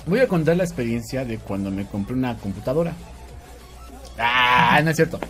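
A Mexican man hosting a casual podcast, telling stories in an animated way, laughing often and swearing freely. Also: medium pitch, moderate pace, soft background music. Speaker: podcast host. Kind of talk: casual storytelling chat.

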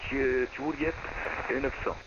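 A man's voice: medium pitch, fairly even intonation, measured pace. A man talking through a voice changer with a put-on Turkish accent, trolling as a pilot on a flight-sim radio frequency. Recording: muffled radio channel with static noise.

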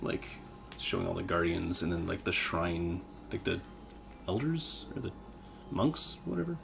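A man's voice: sits low, very animated, a little slow, creaky, background noise. A young man casually commenting on gameplay with a friend, rambling and self-deprecating. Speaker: let's play co-host and video editor.

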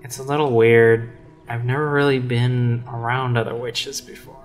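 A man reading game dialogue aloud for a grumpy, sarcastic young witch woman, in a dry, flat manner, with faint game music behind. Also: medium pitch, normal speed, close to an everyday voice.

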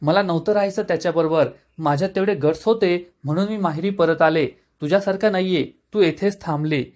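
A man reading the lines of a defiant younger woman arguing with family, fast and plain. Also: high-pitched, a little mellow, close to an everyday voice.

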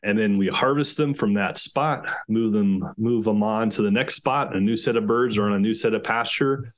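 Speaking from a small room over video call, this thirty-something organic chicken farmer and podcast guest enthuses at length, often restarting his sentences. He has a fairly low voice and talks at normal speed.

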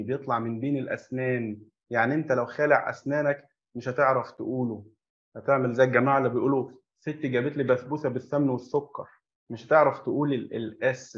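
Egyptian guy teaching english online, chatty, asks himself questions, drills words, kinda dull lo-fi call audio. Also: mid-range voice. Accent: Egyptian Arabic. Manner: chatty explaining, asks and answers his own questions, drills words for repetition. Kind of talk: online class lesson.

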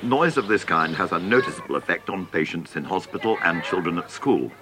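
Deep-voiced man narrating a documentary. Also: expressive, brisk, noisy background.

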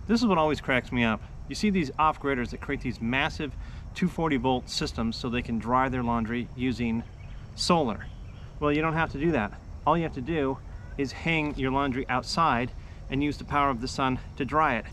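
A man's voice: medium pitch, moderate pace, fairly bright tone, slight background noise. A man in his forties, an off-grid homestead vlogger, explaining his gear step by step in a chatty, upbeat way while sitting outdoors beside his house. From United States. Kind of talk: casual how-to vlog. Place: outdoors by a house wall in a backyard.

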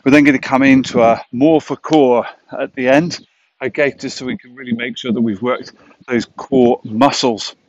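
A man's voice: medium pitch, steady tone, moderate pace, dull audio. A man in his thirties working as an aerobics instructor, calling out short, encouraging exercise cues and counts while he moves. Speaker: fitness instructor leading a home workout. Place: outdoors in a garden. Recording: loud electronic music behind the voice.

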